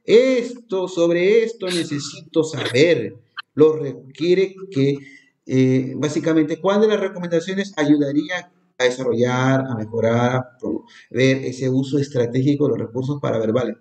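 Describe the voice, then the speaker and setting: A man leading an exam review lesson for teachers, asking questions and slowly repeating the key terms. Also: a little high, lively intonation, darkish tone. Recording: echoey room.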